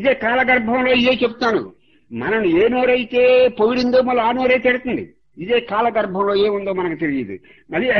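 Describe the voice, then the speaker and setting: A man's voice: high-pitched, highs cut off. A man giving a religious discourse as a spiritual teacher, moralizing and repeating each point to drive it home.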